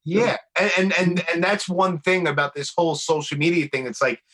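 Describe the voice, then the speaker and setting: Man, Brooklyn accent, highish pitch, bright forceful tone, casual podcast host, blunt, slangy storytelling. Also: normal speed. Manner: blunt, swearing, animated storytelling full of slang. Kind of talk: casual conversational chat.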